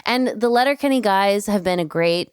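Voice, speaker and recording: A woman's voice: medium pitch, normal speed, darkish tone, smooth, no room sound, studio quality. A woman in her thirties co-hosting a podcast, chatting earnestly and teasing with a laugh. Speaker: podcast co-host. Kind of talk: casual podcast chat.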